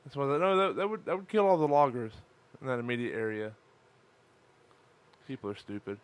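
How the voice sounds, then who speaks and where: A man with a clear, medium-pitched voice and a noticeable lisp. He is tired from lack of sleep and chats casually as a podcast co-host, with crude jokes and plenty of profanity. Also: a little fast. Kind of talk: casual live-streamed chat.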